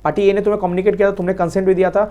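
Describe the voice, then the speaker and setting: Indian male law tutor, fast revision lecture, repetitive, close mic. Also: high voice, little pitch movement, warm tone, highs cut off. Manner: quick, repetitive, addresses students as sir. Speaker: law teacher.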